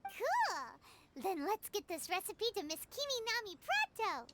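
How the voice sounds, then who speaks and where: A woman voicing a tiny, food-loving female companion in a game, with a high childlike squeak and a bubbly, exclamatory way of talking. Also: sing-song, unhurried, background noise, heavily acted. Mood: chirpy. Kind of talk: game character dialogue. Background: game music.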